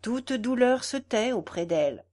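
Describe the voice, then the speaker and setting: A woman reading the lines of a gentle, devout old man in an audiobook, earnest and measured. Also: a little high, expressive. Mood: solemn.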